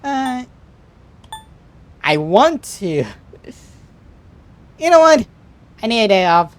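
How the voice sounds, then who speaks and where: Lively, unhurried woman commenting on a game. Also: a little high, no echo. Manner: jokey, sweary, reacting out loud. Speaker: gaming video host. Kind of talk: casual Let's Play commentary. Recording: game music behind the voice. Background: video game music.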